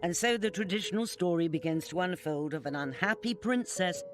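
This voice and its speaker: Man narrating a documentary over music. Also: high-pitched. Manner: measured, formal. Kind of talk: scripted narration.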